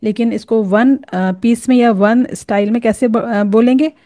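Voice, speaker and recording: A woman teaching tajweed, patiently explaining and slowly drilling each letter sound. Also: a little high, steady tone, warm tone, no room sound, studio quality. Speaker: Quran recitation teacher. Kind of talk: tajweed lesson.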